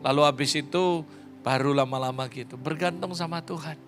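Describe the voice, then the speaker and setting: Impassioned pastor, higher voice. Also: male voice, fairly quick, soft background music. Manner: passionate, rising to loud high-pitched exclamations, mixing in English phrases. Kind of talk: sermon.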